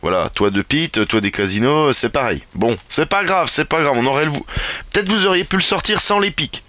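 Chatty, bright-voiced man. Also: fairly high pitch, animated, brisk, no echo. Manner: chatty, rambling, sarcastic asides. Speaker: game builder showing a build. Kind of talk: casual gameplay commentary.

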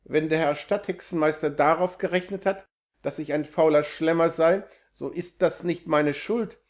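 A man's voice: on the high side, moderate pace, close to an everyday voice. Man reading as a clever, composed tomcat. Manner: polite, reasoning. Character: clever, calm young tomcat.

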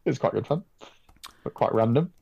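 A man's voice: medium pitch, lively intonation, normal speed, gravelly, mellow, breathy edge, lo-fi sound. A man with a British accent talking casually as a panelist on a podcast. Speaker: writer, broadcaster, podcast panelist.

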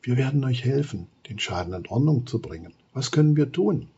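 A man reading aloud, voicing a young male wolf cub who talks earnestly, in a husky voice. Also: mid-range voice, animated, fairly quick, dark tone, dull audio, pitched above the performer's own voice. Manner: earnest, apologetic.

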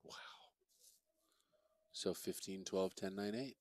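A man giving relaxed, chatty commentary on a pool match, reading out viewer comments as he goes. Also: deep voice, slow pace, no room sound. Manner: easygoing, chatty, reads viewer chat aloud. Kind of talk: relaxed live play-by-play commentary.

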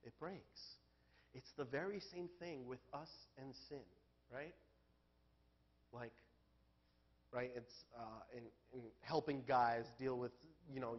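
A male pastor giving a sermon in a church, talking candidly and conversationally, then building to loud, emphatic peaks. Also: mid-range voice, dull audio.

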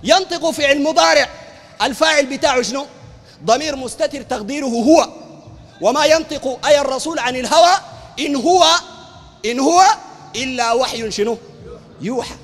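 A man with a Sudanese Arabic accent, a preacher arguing emphatically in a heated public debate, often shouting and repeating phrases. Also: extremely high pitch, fairly quick, pauses often, big-room sound. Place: university hall.

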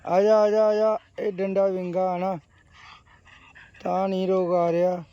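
A man's voice: high-pitched, level tone, measured pace, warm tone, smooth, dull audio. A man, casually coaxing his dog with short repeated commands in a home video. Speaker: dog owner showing his pet.

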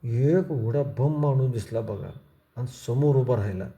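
Brief: a man playing a frightened young villager, hesitant and rustic, mellow low tone. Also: unhurried, natural voice. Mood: timid.

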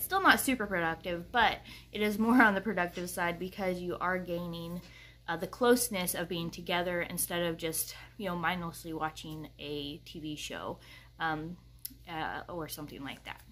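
A woman's voice: lowish voice, moderate pace, fairly bright tone. A woman in her thirties chatting casually to the camera from her home kitchen, rambling with many fillers. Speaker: vlogger.

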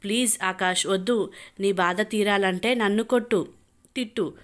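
A woman voicing a desperate young bride who pleads loudly and tearfully. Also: mid-range voice, steady tone, normal speed, lightly acted. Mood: pleading.

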